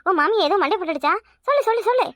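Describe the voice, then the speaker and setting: A woman voicing a bossy, scheming village mother in a cartoon, with a Kanyakumari Tamil accent, scolding loudly and doting in turns. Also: very high voice, lively intonation, fairly quick, no echo, studio quality, heavily acted. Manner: loud, scolding yet doting.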